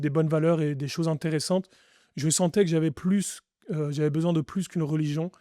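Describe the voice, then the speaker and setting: A French pastor, a podcast guest from France, gives his testimony in an interview, speaking earnestly and reflectively and often restarting his sentences. His male voice sits on the high side with a warm tone, recorded with studio quality and no room sound.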